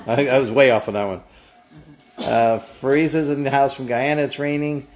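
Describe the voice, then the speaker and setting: A man's voice: mid-range voice, steady tone, moderate pace, darkish tone, soft background music. A man co-hosting a home cooking stream, casually reading out viewer names and where they are watching from. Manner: casual, reads names off a list. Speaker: co-host reading viewer comments. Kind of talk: live-stream chat. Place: home kitchen.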